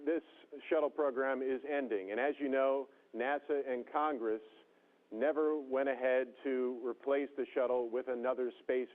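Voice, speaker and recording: Guy news interviewer on a crackly space radio link, tinny like a phone, formal careful questions. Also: medium pitch. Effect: radio link to space station.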